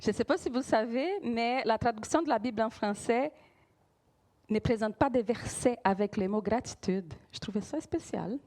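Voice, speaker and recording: A woman's voice: on the high side, normal speed, darkish tone. A woman from Brazil with a Brazilian accent, preaching a sermon in a church and often checking that her congregation follows her. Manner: engaging, quizzes the congregation, repeats key words.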